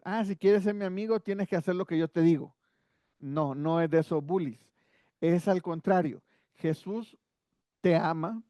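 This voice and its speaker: A man's voice: high-pitched, dark tone, no echo, highs cut off. A man teaching a Bible study lesson in a conversational way, with rhetorical asides and words repeated as he thinks.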